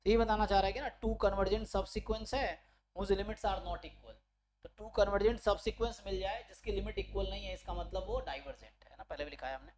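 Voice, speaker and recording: A man's voice: high-pitched, slight background noise, poor audio. Guy teaching maths online, goes step by step, keeps checking the class is with him, fixes his own slips as he goes. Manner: explains step by step, often checks in with "है ना"; corrects himself mid-sentence. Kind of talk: online exam-prep lecture.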